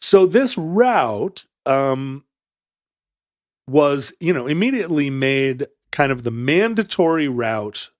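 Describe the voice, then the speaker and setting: A man's voice: medium pitch, very animated, slow pace, no room sound, studio quality. A man co-hosting a podcast, telling a history story in a casual, playful way with joking asides. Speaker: podcast co-host.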